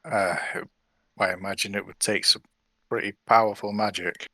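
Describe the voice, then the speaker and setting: Male tabletop player, lowish voice, casual table talk, close dry sound. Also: steady tone, moderate pace, sharp tone, no room sound. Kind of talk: casual in-game chat.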